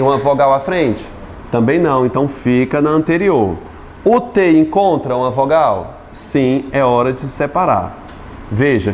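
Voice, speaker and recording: Brazilian teacher asking and answering himself. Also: male voice, on the high side, darkish tone, slight background noise. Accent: Brazilian Portuguese. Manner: asks the class questions and answers them himself; stretches out syllables while spelling words. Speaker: Portuguese teacher. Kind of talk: video lesson on syllable division.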